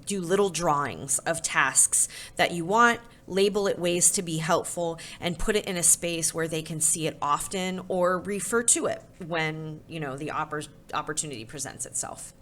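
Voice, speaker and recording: A woman educator gives a recorded parenting lesson in a low-pitched voice. She talks in an encouraging, conversational way and often pauses on a filler. The delivery is relaxed and plain.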